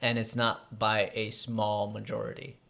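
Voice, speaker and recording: A man co-hosting a relaxed movie conversation. He tells stories with animation, laughs through his lines and keeps the banter rolling. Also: lowish voice, unhurried, vocal fry. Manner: animated storyteller, laughs often. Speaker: podcast co-host. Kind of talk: casual movie chat.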